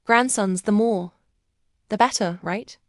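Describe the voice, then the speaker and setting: A woman's voice: medium pitch, slow, dry recording, studio quality, lightly acted. A woman voicing a cold, gloomy young husband in an audio story.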